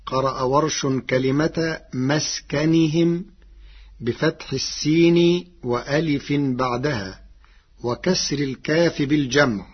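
A man presenting a lesson on recitation variants in a measured way, chanting the quoted verses more loudly than his explanations. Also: on the high side, husky. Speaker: presenter of a Quran reading lesson. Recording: dull lo-fi recording.

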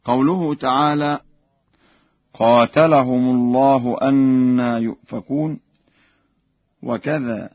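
A man teaching Quran recitation. He gives measured explanations, then chants the examples slowly and melodically. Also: mid-range voice, dry recording, muffled recording.

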